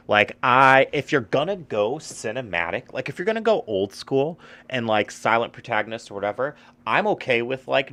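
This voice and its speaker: A man's voice: lowish voice, pushed and bright. A man chatting casually about video games as a streamer, swearing often and rambling with lots of fillers. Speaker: gaming streamer. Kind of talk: casual gaming chat.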